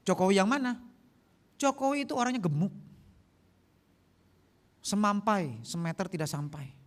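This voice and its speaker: A man's voice: sits high, moderate pace. A male pastor answering questions in a sermon, telling stories with jokes and acted-out voices. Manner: animated storyteller, acts out voices, jokes.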